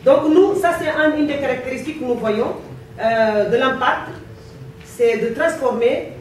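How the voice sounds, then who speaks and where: A woman from Guinea-Bissau with a foreign accent in her French, giving a conference talk in a deliberate, emphatic way with repeated phrases. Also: high-pitched. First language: not French. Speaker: conference presenter. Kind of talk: impassioned public talk in French as a second language. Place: indoor conference room. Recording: very echoey hall, distant mic, faint noise.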